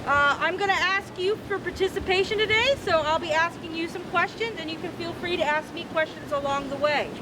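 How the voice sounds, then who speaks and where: A woman's voice: very high voice, brisk, hardly any pauses. A woman from the American South giving a guided talk as a park ranger, friendly and asking the crowd questions. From southern United States. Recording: clear boat engine and wave noise.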